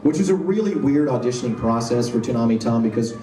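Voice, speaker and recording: A man answering fan questions at a convention panel, telling animated anecdotes and acting out the voices of people in his stories. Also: medium pitch, fast talker, a little hiss or hum. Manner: animated anecdotal storytelling, acts out quoted voices. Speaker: convention panel guest voice actor. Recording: roomy hall, recorded from far off.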